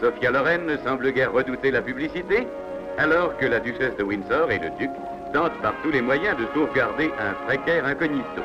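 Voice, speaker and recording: A man's voice: medium pitch, lively intonation, a little fast. A man reading scripted 1950s newsreel narration in a formal, declamatory announcer's manner. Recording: dull 1950s film soundtrack. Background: loud background music.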